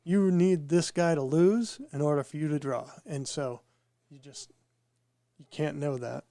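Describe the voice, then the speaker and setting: A man's voice: a little high, steady tone, measured pace, dark tone, dry recording. A man co-hosting a podcast, talking casually and rambling, his voice nasal from a cold. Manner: rambling, repeats words as he thinks. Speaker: podcast co-host. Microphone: podcast microphone with headphones.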